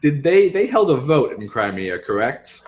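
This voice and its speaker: A man's voice: medium pitch, big pitch swings, moderate pace. A man hosting a political podcast, talking in a hesitant way with many fillers. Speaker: podcast host. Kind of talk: casual political discussion.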